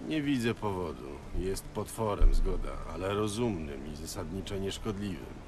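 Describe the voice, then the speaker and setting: An actor playing a weary, stoic monster hunter in a video game, speaking in a dry, matter-of-fact way. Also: male voice, sits low, expressive, moderate pace, noisy background. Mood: dry, calm.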